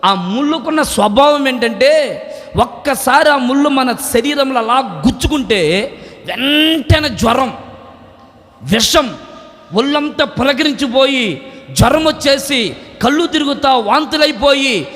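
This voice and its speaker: Impassioned high-voiced preacher in reverberant hall. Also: male voice. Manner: impassioned preaching with rhetorical questions and shouted climaxes. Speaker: pastor. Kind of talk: Easter sermon. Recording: long church-hall reverb.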